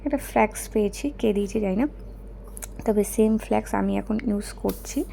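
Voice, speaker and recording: Keeping her voice down since her son is sleeping, a young woman with a sore throat talks hoarsely at normal speed in a relaxed chat while displaying some gifts. There's slight background noise.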